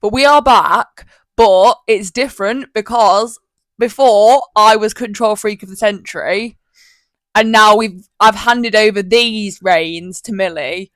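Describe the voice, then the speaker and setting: A woman's voice: medium pitch, unhurried, fairly bright tone, no echo. Teasing Northern English woman interrupting. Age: 20s. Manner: teasing, blurts interruptions, chaotic. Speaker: podcast co-host. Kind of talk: casual chat. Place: room with an open window.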